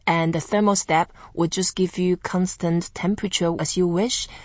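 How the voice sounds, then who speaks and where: A woman from Taiwan leads a Chinese lesson, pronouncing each word slowly and carefully. Her voice sits a little low, and the close-mic recording is dry and slightly muffled. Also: fairly even intonation, no echo. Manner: slow, careful pronunciation drills. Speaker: Chinese language teacher and host. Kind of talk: scripted language lesson podcast.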